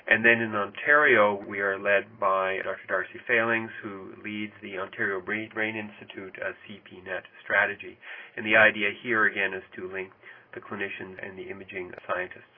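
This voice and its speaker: A man's voice: fairly low pitch, flat delivery. Formal academic man on a phone line. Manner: formal, articulate, deliberate phrasing with drawn-out words. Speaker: researcher and article author, podcast guest. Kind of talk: measured academic explanation in a discussion. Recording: tinny narrow-band phone line.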